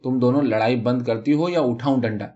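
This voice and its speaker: A man voicing a harried, blustering working-class husband who yells at his quarrelling wives in a storybook reading, on a dull lo-fi recording. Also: mid-range voice, lightly acted. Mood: exasperated. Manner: yelling, stammering when cornered.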